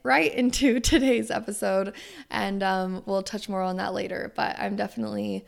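A young woman podcast host and coach giving a casual, gushing promotional monologue, rambling and digressing, with some swearing and a creaky vocal fry. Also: medium pitch, steady tone, moderate pace. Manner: gushing, enthusiastic.

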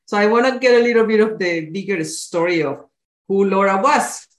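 A woman's voice: medium pitch, moderate pace. Woman, podcast host, friendly questions, roomy echo. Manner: friendly, encouraging, gently probing questions. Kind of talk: casual interview hosting.

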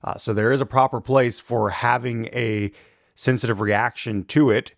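A man with a gravelly voice, rough from allergies, giving an informal lecture in a measured, carefully qualified way. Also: mid-range voice, steady tone, no echo, clean studio sound. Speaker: theology lecturer.

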